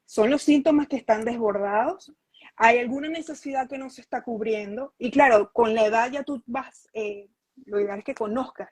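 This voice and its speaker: Earnest husky-voiced woman explaining. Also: fairly high pitch, dry recording, rough recording. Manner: earnest, explanatory, frequent restarts and rhetorical questions. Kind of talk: conversational interview.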